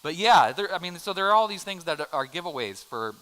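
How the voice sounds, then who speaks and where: A middle-aged American man teaches a casual adult Bible class in a church classroom, chatting, joking, and quizzing the room. His high-pitched voice is very animated, a bit bright, and fairly quick. The audio quality is poor.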